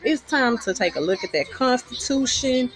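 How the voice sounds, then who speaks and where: A woman's voice: on the high side, lively intonation, normal speed. Blunt, profane woman ranting over music. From Texas. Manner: blunt, profane, emphatic, repeats lines for stress. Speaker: vlogger. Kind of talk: heated political rant to camera.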